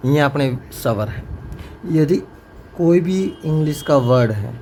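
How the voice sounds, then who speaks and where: A man's voice: fairly high pitch, expressive, takes it slowly, warm tone. A male teacher, teaching a grammar lesson to a class and drilling his students with repeated questions. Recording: faint background noise.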